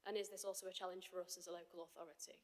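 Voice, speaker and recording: Brief: unwell woman councillor, husky, earnest, in a reverberant chamber. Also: lowish voice, flat delivery, racing. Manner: earnest, with self-corrections. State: husky from illness. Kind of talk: committee question. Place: council committee room.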